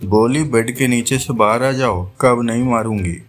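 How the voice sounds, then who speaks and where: A man's voice: mid-range voice, moderate pace, loud music behind the voice, lightly acted. A man reading out the lines of a male joke character, a casual wisecracking friend, in a read-aloud comedy. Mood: plain.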